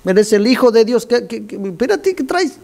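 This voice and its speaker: A man's voice: very high voice, big pitch swings, moderate pace, gravelly, a little mellow, pitched above the performer's own voice, exaggerated voice. A man voicing a cornered male demon in a sermon, sneering and startled. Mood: taunting.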